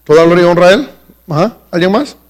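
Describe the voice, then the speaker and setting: A man with a notably high voice preaches to his congregation in a church sanctuary. He leans on key words, drawing them out for emphasis. He keeps turning to the listeners with questions. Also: animated, fast talker. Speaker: pastor. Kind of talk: live sermon.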